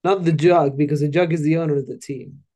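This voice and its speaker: Man with a slightly high voice, hesitant. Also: fairly even intonation, fast talker, mellow. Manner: hesitant, restarts often, steers the topic. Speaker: podcast co-host. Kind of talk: casual chat.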